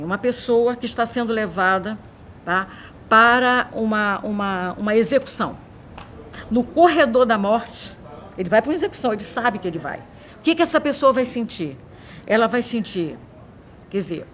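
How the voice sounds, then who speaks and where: A woman's voice: on the high side, fairly bright tone, slight background noise. A woman speaking as a doctor in a documentary interview, explaining in a hesitant, vivid way. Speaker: doctor interviewed on mental health.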